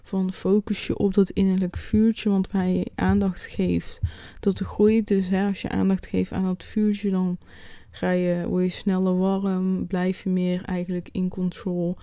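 Woman doing a casual vlog story, really mellow voice, slow-ish, stops to find words, dry sound. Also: fairly low pitch, level tone, no room sound. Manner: halting, pausing mid-sentence to search for words. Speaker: vlogger. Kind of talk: casual vlog recounting an experience.

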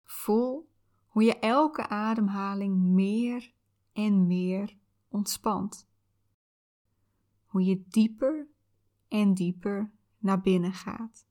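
Woman softly guiding a visualisation. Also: medium pitch, steady tone. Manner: soft, soothing, unhurried guided-meditation delivery. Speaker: podcast host. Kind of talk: guided visualisation, spoken coaching.

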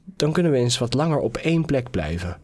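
A man's voice: medium pitch, sing-song, fairly quick, voice pushed up, close to an everyday voice. A man voicing a weary, dreamy young princess in a storybook tale.

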